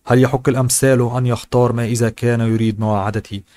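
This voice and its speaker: A man reading the lines of an angry, proud young rich woman in a novel audiobook, in a sharp, indignant manner. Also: medium pitch, little pitch movement, very fast, natural voice.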